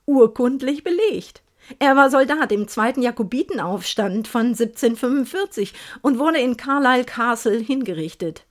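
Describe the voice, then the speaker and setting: A woman's voice: on the high side, animated, normal speed, voice pushed up, natural voice. A woman voicing a cheerful, boastful young husband with a jaunty, teasing manner.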